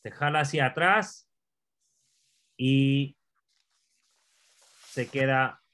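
A man's voice: medium pitch, a bit bright. A man teaching Hebrew pronunciation step by step, repeating words and quizzing his learner. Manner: slow, repeats words, asks the learner questions. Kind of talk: patient classroom explanation.

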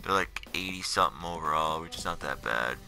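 Over game menu footage with music behind it, a late-teen gamer of seventeen talks through his career mode in a rambling, casual way, tired from being up in the middle of the night. He has a very deep voice, speaks a little fast, and sounds pushed and bright.

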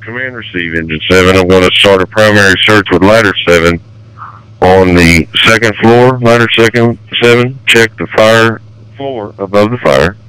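A man's voice: lowish voice, moderate pace, fairly bright tone, clean tone, no echo, rough recording. A man giving urgent, terse orders over fire department two-way radio as the incident commander.

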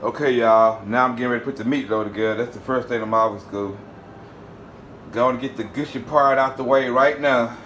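Brisk and medium-pitched, this Southern cooking channel host narrates a casual vlog from his home kitchen, with slight background noise. He's easygoing and chatty, speaking straight to his audience and calling them "y'all."

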